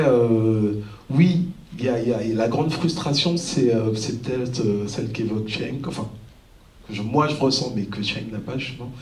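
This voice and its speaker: A man on a live discussion panel talks haltingly, groping for words between fillers. His tone is dark and mellow, and he sounds far from the mic with the hall echoing around him. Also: medium pitch. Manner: hesitant, searching for words. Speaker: panel guest, rap artist. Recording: roomy hall from a distant mic.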